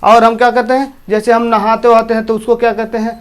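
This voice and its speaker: Male teacher, eastern Uttar Pradesh accent; high, clean voice; repeats himself and questions the class. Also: monotone, fast, clear, resonant tone. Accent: Hindi, from eastern Uttar Pradesh. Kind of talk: classroom lesson.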